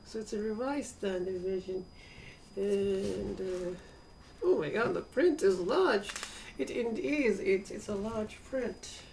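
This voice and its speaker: A woman in her 40s vlogs casually from a small, cluttered bedroom, rambling and hesitant with many fillers. Her medium-pitched voice moves slowly with vocal fry. The built-in webcam mic sits at desk distance, so she sounds far off against a noisy background.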